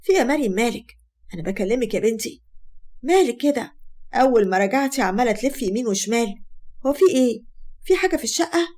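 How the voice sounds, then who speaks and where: A woman's voice: fairly high pitch, expressive, fast talker, darkish tone. A woman with an Egyptian accent voicing a sly younger sister who fusses, whines and pleads. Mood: fussing. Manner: whiny, pleading.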